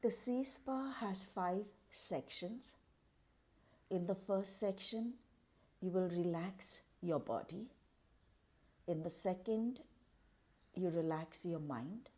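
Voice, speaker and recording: The voice is a woman's, on the low side, taking listeners through a guided meditation. She keeps a calm, measured pace and breaks her words into brief phrases with pauses in between.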